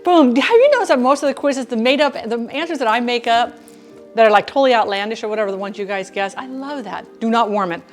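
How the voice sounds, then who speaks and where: A woman's voice: on the high side, lively intonation, quick pace, soft background music. A woman hosting a baking livestream, chatting casually in her kitchen as she works and tells stories, often restarting and repeating phrases. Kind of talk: casual chat while baking.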